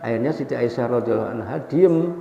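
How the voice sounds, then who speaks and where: A man preaching a sermon to a congregation, telling a story and leading his listeners in slow chanted recitation. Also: creaky, dark tone, soft background music. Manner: storytelling with rising pitch on stressed points. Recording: echoey hall, dull sound, faint background noise.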